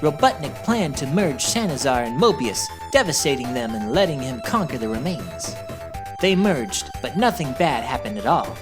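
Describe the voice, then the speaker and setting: A young cartoon hedgehog hero played by a woman recaps his own story. The voice is low for a woman, matter-of-fact and wry, with music clearly underneath. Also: big pitch swings, moderate pace. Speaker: narrator. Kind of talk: scripted first-person recap narration.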